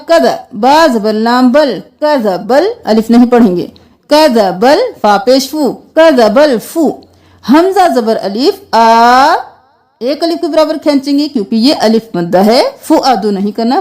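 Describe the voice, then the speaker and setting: A woman teaches Quran recitation. She talks at an unhurried pace, spelling out syllables and chanting the verses slowly with long drawn vowels. Her quicker explanations come in between the chanted parts. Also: fairly high pitch, lively intonation, darkish tone.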